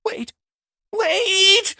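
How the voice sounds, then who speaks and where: A man voicing a shrill, scheming, cowardly male robot who screeches and pleads melodramatically. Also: sing-song, takes it slowly, sharp tone, dry recording, studio quality, full character voice. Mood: panicked pleading. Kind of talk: comic dub narration.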